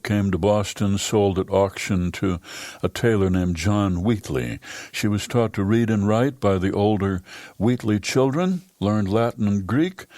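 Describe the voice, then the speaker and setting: Soft music plays beneath a dry studio voice-over from an older radio host from the United States, whose voice is low and unhurried. He reads scripted almanac material as leisurely storytelling, leaving long pauses.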